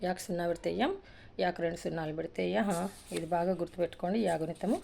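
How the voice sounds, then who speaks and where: A woman teacher rapidly reciting an alphabet drill in a sing-song rhythm, adding brief asides about writing the letters. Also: on the low side, creaky, noisy background. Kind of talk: reciting a Telugu alphabet lesson.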